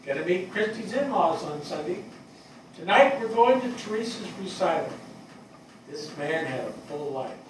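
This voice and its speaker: On stage before a theatre audience, an older man reads the part of a plainspoken, earnest New York fire captain fondly reminiscing, speaking colloquially, haltingly and with emphasis. His voice sits high and sing-song. A distant mic in an echoey hall picks up audible noise.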